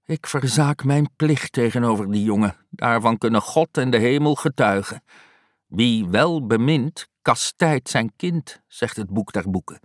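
A man voicing a fussy, soft-hearted old aunt who scolds in a shrill, exasperated way, in an audiobook reading. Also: lively intonation, a little slow, dry recording, clean studio sound, close to an everyday voice.

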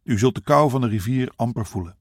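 A man's voice: medium pitch, quick pace, dry recording, studio quality, natural voice. A man playing a burly, bearded middle-aged boatman who gives practical, reassuring advice. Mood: matter-of-fact. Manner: matter-of-fact, reassuring.

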